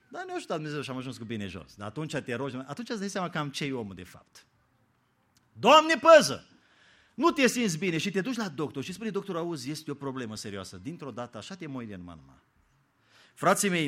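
A middle-aged man preaching a sermon, telling stories dramatically and swinging from hushed asides to shouts. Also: mid-range voice. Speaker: pastor.

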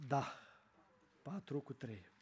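A man's voice: mid-range voice, lively intonation, slight background noise. A man preaching a sermon to his congregation, earnest, acting out short dialogues in changed voices.

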